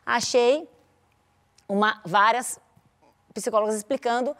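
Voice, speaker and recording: A woman co-hosting a casual panel chat, animated, acting out how she talks to her daughter. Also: fairly high pitch, a little slow. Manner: animated, acts out scolding her child. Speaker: talk show co-host.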